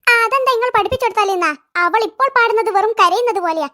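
A teasing, whiny cartoon boy. His voice is extremely high and piping, and his complaints come out cheeky. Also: very fast, sharp tone. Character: cheeky young boy, Salman, quick with teasing. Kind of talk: cartoon voice acting.

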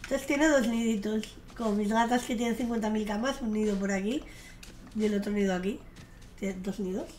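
A woman's voice: mid-range voice, brisk, darkish tone, slight background noise. A young woman commenting on a game she plays, chatty, swearing casually and breaking into gushing squeals. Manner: gushing, squealing outbursts of delight. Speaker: streamer. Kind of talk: gameplay commentary. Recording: faint game music behind her.

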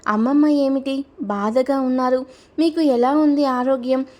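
Caring young grandson, read by a woman, gentle and coaxing, fairly high voice. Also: steady tone, unhurried. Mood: concerned.

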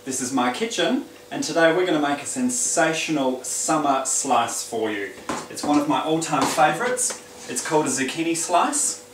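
A man playing a glamorous, genteel lady who hosts a home cooking demonstration with theatrical, drawn-out phrasing. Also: on the high side, animated, fairly bright tone, slight background noise. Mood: gracious, welcoming. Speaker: cooking show host. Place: indoor home kitchen. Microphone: distant camera microphone. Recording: roomy kitchen, distant mic, clattering dishes.

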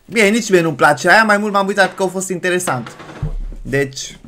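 A man hosting a reaction video, giving casual, excitable commentary with jokes and exclamations. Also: high-pitched, a little hiss or hum.

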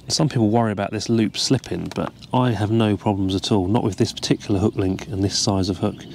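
A carp fisherman sits over his tackle box outdoors by the water, tying a rig and explaining each step in a relaxed, casual tutorial. His voice is fairly low and his pace fairly quick, with a little hiss or hum in the background.

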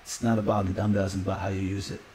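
A man's voice: sits low, flat delivery, very fast, a little mellow, distant mic, a little hiss or hum. A man as a podcast guest, preaching motivation with sayings and analogies. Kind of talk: motivational talk. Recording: roomy sound from off-mic.

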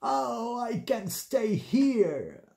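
Casting: a cheerful clumsy pig girl for a children's storybook, high and lilting, slow and mellow, done by the narrator. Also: big pitch swings, gravelly, exaggerated voice. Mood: eager. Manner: slow, sing-song and high.

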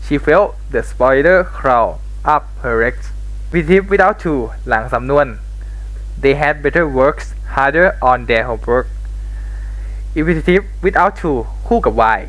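A young man giving a student class presentation, reading grammar examples slowly and deliberately. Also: fairly high pitch, a bit bright, low-quality recording. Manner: very slow, reads examples deliberately.

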